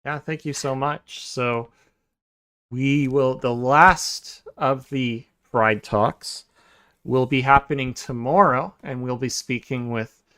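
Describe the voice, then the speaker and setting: A man hosting a podcast in a relaxed, casual chat, pausing often with filler sounds and restarting sentences. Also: mid-range voice, clean tone. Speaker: podcast host.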